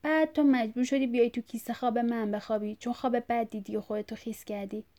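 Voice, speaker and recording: A woman with a voice on the high side, steady and dark in tone, reads a story aloud as an audiobook with light acting. She voices a confused, bleeding old father who rambles and insistently repeats himself.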